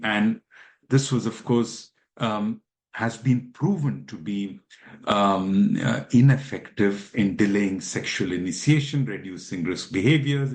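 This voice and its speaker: A man from India, an expert guest answering interview questions in a measured, explanatory way with frequent fillers. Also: lowish voice.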